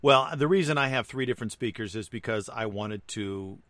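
A man's voice: on the low side, a little fast, a bit bright, dry recording. A man co-hosting a casual tech chat, chatty and wry, often laughing at his own examples. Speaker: tech podcast co-host.

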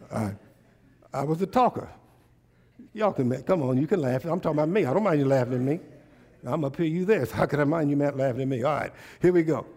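A man's voice: a little high, fast, darkish tone. An American man preaching a sermon conversationally and emphatically, repeating phrases and putting questions to his listeners. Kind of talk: sermon with call and response.

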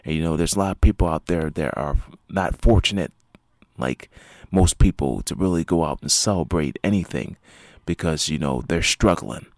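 Man, podcast host, martial arts instructor, very deep, gravelly, dry close sound, rambling, filler-heavy. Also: lively intonation, normal speed, darkish tone, no room sound. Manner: rambling, many fillers and restarts. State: sleepy, yawning. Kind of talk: casual solo podcast talk.

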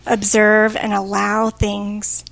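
A woman's voice: medium pitch, monotone, slow, gravelly, fairly bright tone. A woman co-hosting a podcast, talking in a thoughtful, searching way with frequent fillers. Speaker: podcast co-host. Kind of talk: reflective conversational chat.

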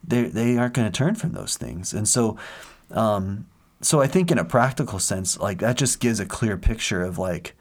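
An earnest man talks through matters of faith in a casual chat, with a fairly low voice. He wanders into stories, pausing on fillers and restarting his sentences as he goes. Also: expressive. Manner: earnest, rambling storyteller with many fillers.

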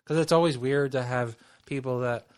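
A man's voice: medium pitch, normal speed, darkish tone, no room sound, studio quality. A man hosting a casual chat, gushing and rambling, often trailing off mid-sentence.

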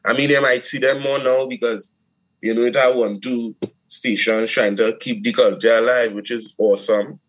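This man from Trinidad plays steelpan and produces music, and he chats animatedly in a casual interview at normal speed. His medium-pitched voice carries a Trinidadian accent, full of restarts and "you know." It's a low-quality recording.

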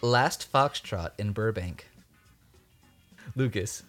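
A man's voice: lowish voice, slow pace, fairly bright tone, faint music behind. A man hosting a podcast in casual chat, quizzing and teasing his co-hosts and laughing often. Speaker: podcast host.

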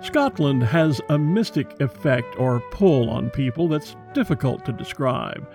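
An American man hosting a podcast, reading a measured, scripted introduction. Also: a little high, a little mellow. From USA. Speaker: podcast host.

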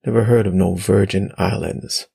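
Audiobook brief: a man voicing a threatening male scavenger, low, gravelly, softly coaxing. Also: fairly even intonation, normal speed, heavily acted. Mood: gruff. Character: menacing armed male scavenger, sly and threatening.

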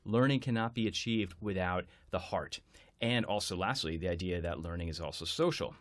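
A man's voice: low-pitched, moderate pace. A man hosting an interview podcast, earnest and searching, often repeating words as he gathers his thoughts. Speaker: podcast host. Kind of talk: conversational interview.

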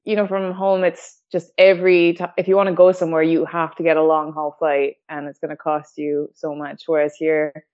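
A woman from Canada chatting in a relaxed interview, laughing often and using lots of fillers. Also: low voice, moderate pace, hardly any pauses, smooth. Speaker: guest. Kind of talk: casual conversation. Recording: dull lo-fi audio.

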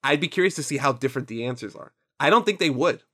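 A fast-talking man with an expressive, mid-range voice and a fairly bright tone. In his twenties, a native Spanish speaker of Mexican and Nicaraguan heritage, he chats loosely on a podcast, swearing freely and rambling as he recounts his own thoughts.

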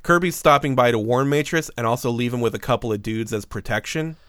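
A man co-hosting a podcast, talking through a movie in loose, conversational chat at a middle pitch. He is wry and joking, and laughs often as he riffs. The sound is dry and close to the mic. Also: fast, a bit bright, no echo. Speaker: podcast co-host. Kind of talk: casual movie-review chat.

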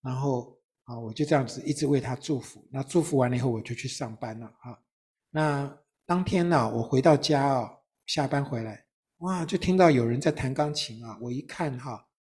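A man with a middle-range pitch and a slightly husky, breathy voice tells a personal testimony as a pastor. He speaks in a storytelling manner, dropping soft tag particles at the ends of his phrases.

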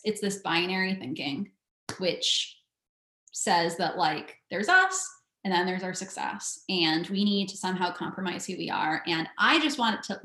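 A woman's voice: medium pitch, fairly bright tone, echoey room. A woman speaking as a guest entrepreneur and coach in a casual podcast conversation. She is candid, swears freely and fills her talk with "like". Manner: candid, swears freely, many filler likes.

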